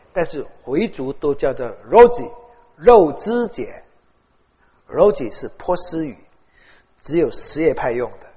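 Middle-aged male preacher, fairly high voice, lively storyteller; dull sound with long hall reverb. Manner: animated storytelling, acts out dialogue. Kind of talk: sermon.

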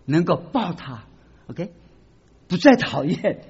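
A man preaching, his high, husky voice leaping around as he acts out each person he quotes. The recording is dull and lo-fi, with a long reverb trailing off the hall walls. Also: very animated, slow pace, darkish tone. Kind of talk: sermon.

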